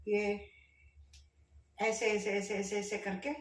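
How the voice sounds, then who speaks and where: A middle-aged woman cooking in her home kitchen, chatting directly to her viewers and speaking loudly on purpose. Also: medium pitch, flat delivery, slow, recorded from a distance. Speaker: vlogger. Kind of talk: casual cooking vlog. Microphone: camera set up at a distance. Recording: echoey kitchen, voice off-mic.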